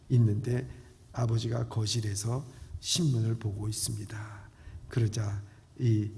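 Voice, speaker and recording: A male pastor preaching a sermon in a church. He is emphatic and swings from loud lines to soft ones. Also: medium pitch, vocal fry. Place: church sanctuary. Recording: reverberant church hall.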